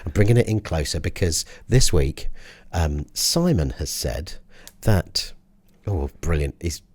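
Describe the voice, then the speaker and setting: British male podcast host, lively intonation, rambling casual banter with dry, teasing humour. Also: sits low, a little slow.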